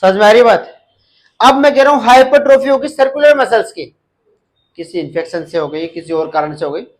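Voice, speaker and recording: A man's voice: high voice, animated, fairly quick, rough recording. A man teaching a live class, lecturing and asking the students questions again and again. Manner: asks the class questions and repeats key terms. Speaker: nursing exam teacher.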